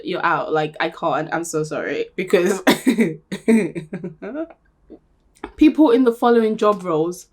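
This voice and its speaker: A young woman talking to camera in a blunt, emphatic, animated way, laughing often. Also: medium pitch. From Nigeria. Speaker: vlogger. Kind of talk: casual talk to camera.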